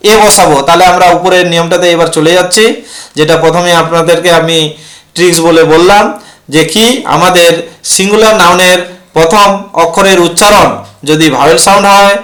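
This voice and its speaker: A man explains English grammar rules in a classroom lesson, repeatedly posing questions and answering them himself. His voice sits high with a fairly bright, steady tone, and he talks a little fast.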